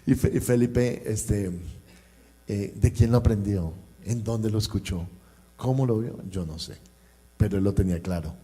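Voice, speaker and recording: A man with a Colombian accent preaches to his congregation at a church service. He tells a personal story and acts out each person's lines as he goes. His voice has a warm, mellow tone. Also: lowish voice, moderate pace. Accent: Colombian Spanish. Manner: storytelling, acting out dialogue and addressing the congregation. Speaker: pastor. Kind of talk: sermon with personal anecdote.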